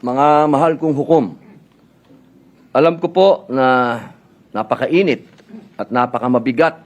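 A man addressing his fellow senators in a measured, formal speech. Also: medium pitch.

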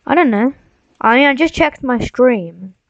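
This gaming streamer is a young woman whose high-sitting voice has lively intonation and a slightly slow pace. She rambles mock-heroically to herself and her audience in casual live-stream commentary, recorded dry with dull, lo-fi sound.

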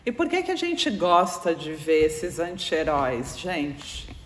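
Speaking a little slowly in a fairly low voice with big pitch swings, a woman with a Brazilian Portuguese accent gives a casual spiritual talk. She chats with the audience present and keeps asking them for replies. The hall is echoey, with faint noise.

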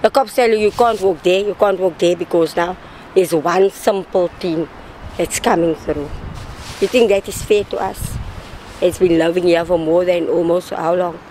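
A woman's voice: on the low side, fairly even intonation, moderate pace, dark tone, slight background noise, rough recording. Indignant Cape Town woman outdoors. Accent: Cape Town South African. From South Africa. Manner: blunt, indignant, complaining. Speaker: interviewee, local resident. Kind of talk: street interview. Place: outdoors by a stadium on a street.

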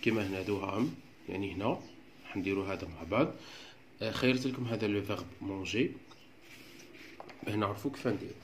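A man with an Algerian Arabic accent patiently walks through a French grammar lesson step by step, often checking in with "d'accord." His fairly low voice moves quickly but leaves long pauses, over slight background noise.

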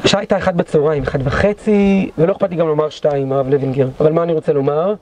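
A man leading a guided history tour, telling battle stories dramatically and acting out the shouts of those involved. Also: fairly high pitch, fairly even intonation. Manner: dramatic storyteller, acts out quoted shouts. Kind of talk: guided tour storytelling lecture. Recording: dull lo-fi recording.

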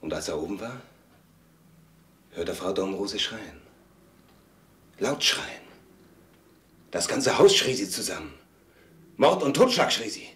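An actor playing a young son who calmly recounts a crime in a measured monologue, in a 1970s TV crime drama. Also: male voice, lowish voice, full character voice. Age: young adult. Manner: measured storytelling. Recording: roomy, distant, faint hiss.

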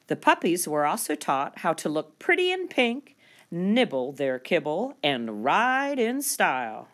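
A woman with a voice on the low side reads a children's picture book aloud as a storyteller. She is expressive and deliberate, drawing out key words for her young listeners.

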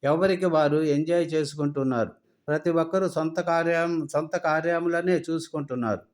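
A man preaching a sermon, earnestly reciting scripture references in quick runs. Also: fairly high pitch.

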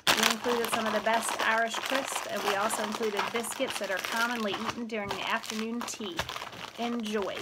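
Upbeat mom with a higher voice. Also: female voice, fairly even intonation, normal speed. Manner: upbeat, reads snack notes aloud. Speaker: mother and co-host. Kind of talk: casual family snack-tasting vlog. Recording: loud background noise on a home video.

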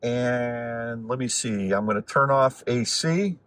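A man's voice: medium pitch, slow pace, a bit bright, no echo. A man talking casually from inside his car, rambling and thinking aloud as he drives and charges. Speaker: vlogger reviewing electric cars. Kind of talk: casual talk while driving.

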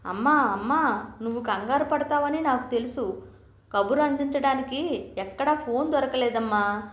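A woman reading the lines of a young daughter who gently soothes her mother in a story. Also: high voice, moderate pace, natural voice. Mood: reassuring. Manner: gentle, coaxing. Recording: roomy echo.

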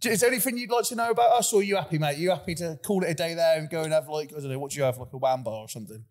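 A man's voice: on the high side, rapid-fire, darkish tone. A man hosting a casual podcast, rambling and repeating words as he starts sentences, often laughing between lines. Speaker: podcast host.

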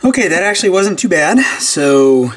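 The host of a repair channel, a man with a high-sitting voice at normal speed, works through a casual hands-on repair while thinking aloud. He's indoors at a cluttered workbench, with a steady, clear background noise punctuated by clicks.

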